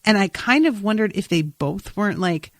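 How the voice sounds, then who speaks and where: Her mid-range voice is animated and at normal speed, captured in a dry, studio-quality recording. As a podcast co-host chatting casually through a TV episode recap, she talks informally with slang, casual swearing, sarcasm, and an incredulous, exasperated edge.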